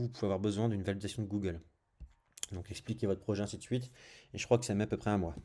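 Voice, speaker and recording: A man with a French accent and a lowish, mellow voice runs a casual screencast coding tutorial. He thinks aloud while clicking through settings, tossing in little fillers like "hop."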